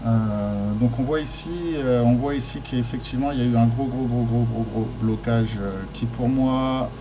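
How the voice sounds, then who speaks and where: A man's voice: medium pitch, fairly even intonation, moderate pace. Guy doing a tarot reading, lots of euh and restarts, pep-talk vibe, noisy hiss behind. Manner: hesitant, many fillers and restarts, encouraging. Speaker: tarot card reader. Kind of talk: casual spoken guidance.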